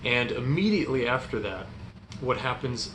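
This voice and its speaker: A young man giving an informal youth group sermon in an earnest, halting, hesitant way. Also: mid-range voice, big pitch swings, fairly bright tone. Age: young adult. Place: indoor room in front of a stone fireplace. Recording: echoey room, clear background noise.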